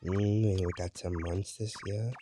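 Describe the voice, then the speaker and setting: Low-voiced man in casual game commentary. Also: unhurried. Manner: relaxed, rambling explanations. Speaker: gaming channel host. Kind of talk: casual let's play commentary. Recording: game music playing loudly. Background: game music.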